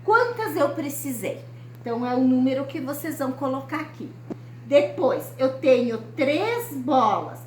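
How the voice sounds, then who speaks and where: A woman teacher talks young pupils through their worksheet step by step. Her voice is high and her delivery slow and deliberate. The recording sounds roomy with faint background noise. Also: sing-song, a little mellow. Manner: slow, patient, explains step by step. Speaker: primary school teacher. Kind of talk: recorded remote lesson for young children. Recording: echoey room, faint ambient noise.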